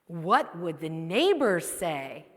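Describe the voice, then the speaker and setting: A woman's voice: on the low side, big pitch swings, slow pace. A woman pastor giving a conversational sermon, chatty and often checking in with the congregation. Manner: chatty, keeps checking in with "right?". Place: church sanctuary. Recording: long church reverb.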